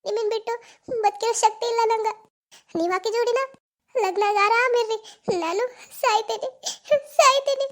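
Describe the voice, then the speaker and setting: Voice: fairly even intonation, brisk. A voice actor playing a betrayed young village woman with a North Karnataka Kannada accent in a cartoon, sobbing and pleading. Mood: sobbing accusation. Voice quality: very high, sobbing pleas. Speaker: lover. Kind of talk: cartoon voice acting.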